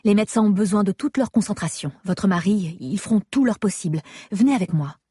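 A woman reading the part of a calm, kind hospital nurse who speaks softly and reassuringly in an audiobook. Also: lowish voice, quick pace, no echo, clean studio sound. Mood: gentle. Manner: soft, reassuring.

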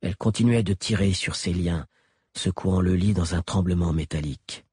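A man narrating an audiobook with an expressive, dramatic delivery. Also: low voice, normal speed, husky, no echo.

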